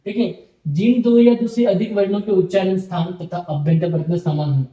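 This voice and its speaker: High-pitched male teacher, roomy echo. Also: steady tone, moderate pace, mellow. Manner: explains step by step, repeats terms, checks in with "ठीक है". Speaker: Sanskrit teacher. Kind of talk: online lecture.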